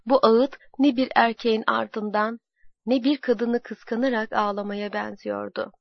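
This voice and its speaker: A woman's voice: fairly high pitch, fairly even intonation, vocal fry, no echo. Woman narrating history dramatically. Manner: slow, dramatic, measured. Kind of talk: scripted historical storytelling. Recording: dull lo-fi dry recording.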